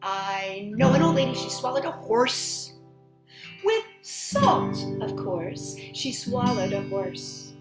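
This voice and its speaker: Over loud music in an echoey room, a high-voiced woman hosts storytime for children, reading picture books animatedly and singing. Playful and expressive, she stretches out her words and drops in chatty asides.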